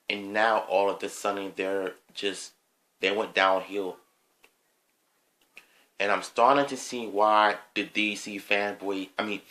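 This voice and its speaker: A man giving an unscripted opinion monologue on his video channel, hesitant, with frequent pauses, ums and throat clearing. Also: on the low side, bright, forceful tone. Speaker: vlogger.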